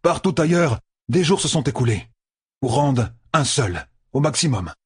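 A stubborn, worn-out young lord, as a male audiobook reader puts him on, pressing with urgent questions. The voice sits well above the reader's own and is very husky and breathy. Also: medium pitch, sing-song, normal speed, no echo, clean studio sound, pitched above the performer's own voice. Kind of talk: audiobook character voice.

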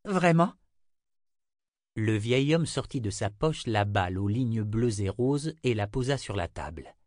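A man's voice: lowish voice, expressive, moderate pace, darkish tone, no room sound. Man narrating a storybook, dry and close. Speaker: audiobook narrator. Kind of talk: scripted narration.

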